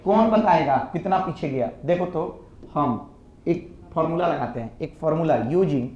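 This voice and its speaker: A man's voice: on the high side, normal speed, a little mellow, slight background noise. A man teaching physics in a classroom, coaxing students with repeated questions. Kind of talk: classroom lecture. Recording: echoey room, dull lo-fi sound.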